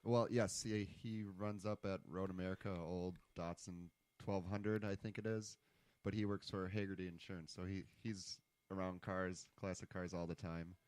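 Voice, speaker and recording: Soft-spoken, very deep man, casual podcast guest. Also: level tone, normal speed, hardly any pauses, smooth, no room sound. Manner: soft-spoken, many murmured agreements. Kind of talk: casual chat.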